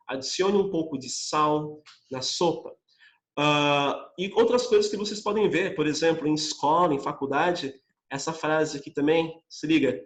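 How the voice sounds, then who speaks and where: A young Brazilian man teaching an online English class, chatting casually with students and reading English phrases slowly and clearly. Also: a little high, a bit bright, echoey room. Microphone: computer mic on a video call.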